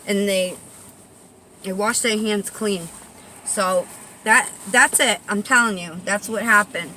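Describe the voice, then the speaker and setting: A woman with a lisp and whistling S sounds, rambling casually and insistently to viewers in a halting vlog monologue recorded on a handheld phone. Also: medium pitch, bright, forceful tone, slight background noise. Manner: insistent, halting, conspiratorial telling. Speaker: video maker addressing viewers.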